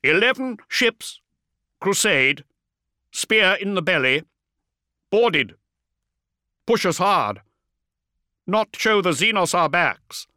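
A man's voice: high-pitched, sing-song, slow, long pauses, pushed and bright, no room sound, studio quality, pitched above the performer's own voice, heavily acted. A man voicing a battle-worn male space marine commander who speaks in clipped, broken phrases. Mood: terse urgent.

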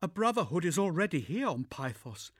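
A man voicing a sharp, anxious young female inquisitor with a strained, breathy voice and quick, insistent questions. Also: a little high, very animated, no echo, studio quality, pitched above the performer's own voice. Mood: urgent.

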